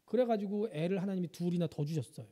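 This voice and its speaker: Speaking quickly in a high, dark-toned voice, a male pastor delivers a sermon in a church sanctuary, telling funny family stories and putting questions to the congregation. His humorous storytelling rings out with long church-hall reverb.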